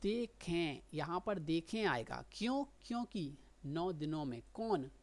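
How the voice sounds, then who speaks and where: A woman's voice: low voice, expressive, measured pace, darkish tone. A woman teaching shorthand, explaining patiently and often checking that listeners follow. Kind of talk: explanatory lesson.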